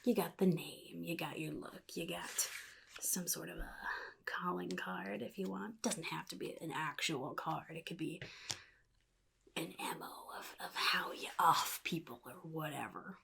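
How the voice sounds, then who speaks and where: A woman voicing a gleeful, chaotic comic-book supervillain in a soft, breathy ASMR roleplay, with a sly, theatrical drawl. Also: fairly low pitch, a little slow, noisy background. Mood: advising, wry. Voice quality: breathy, whispery, husky.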